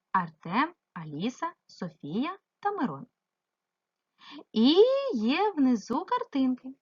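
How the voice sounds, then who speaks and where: A female primary school teacher giving a remote grammar lesson, asking the pupil questions and answering them herself, stretching example words slowly. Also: on the high side, breathy edge, lo-fi sound. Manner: slow, sing-song emphasis on example words; addresses the pupil directly, asks and answers herself.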